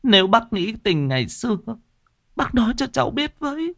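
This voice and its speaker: A man voicing a desperate young widowed mother who pleads tearfully in a high, wailing voice, in a spoken ghost story. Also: very animated, normal speed, vocal fry, a bit bright, no echo, clean studio sound, heavily acted. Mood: pleading.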